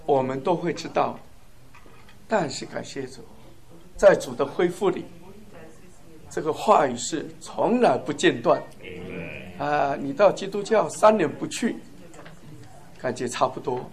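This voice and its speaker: A man's voice: fairly high pitch, lively intonation, measured pace, pauses often. Fervent man preaching with chuckles. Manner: fervent, chuckling, emphatic lists. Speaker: church speaker. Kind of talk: sermon testimony.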